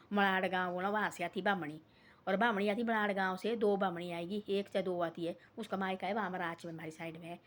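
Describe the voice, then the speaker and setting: Rambling older woman. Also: medium pitch. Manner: meandering, repeats "they say", scolding asides. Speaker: storyteller. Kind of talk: rambling village storytelling.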